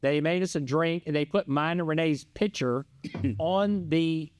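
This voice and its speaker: A middle-aged man co-hosting a podcast, telling a rambling, excitable travel story in casual chat. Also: a little high, unhurried, no room sound, clean studio sound. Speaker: podcast co-host.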